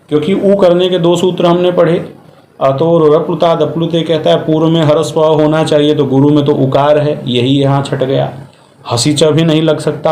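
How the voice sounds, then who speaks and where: A man lectures on grammar in a methodical, step-by-step way, walking through each example in turn. His voice sits a little high. The room around him is noticeably echoey. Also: mellow. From India. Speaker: Sanskrit grammar teacher. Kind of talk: classroom lecture.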